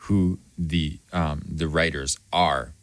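A man's voice: extremely low pitch, fairly even intonation, slow pace. A man co-hosting a podcast, thinking aloud in casual chat and restarting his sentences as ideas come. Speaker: podcast co-host.

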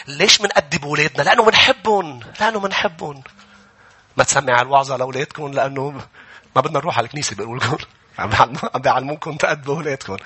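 Forceful, husky preacher man. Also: mid-range voice. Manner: impassioned preaching, often rising to shouts. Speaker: pastor. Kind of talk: sermon.

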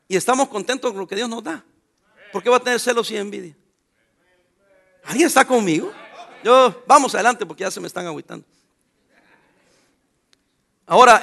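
An older Mexican pastor preaches with a very high, ringing voice and a sharp, forceful edge. He speaks in a Mexican Spanish accent and keeps firing rhetorical questions at the congregation. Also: creaky. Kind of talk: sermon.

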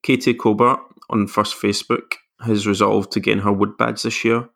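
A man's voice: lowish voice, level tone, moderate pace, vocal fry, fairly bright tone. A man hosting a podcast, narrating and reading out listeners' messages. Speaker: podcast host.

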